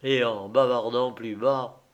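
A man narrating a literary audiobook in a measured manner. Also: mid-range voice, fairly even intonation, lo-fi sound. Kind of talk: audiobook reading.

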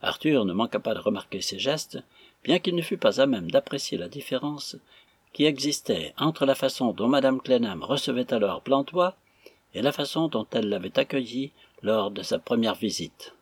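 A man narrating an audiobook in an expressive, animated way. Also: mid-range voice, normal speed, breathy edge, dry recording. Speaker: audiobook reader.

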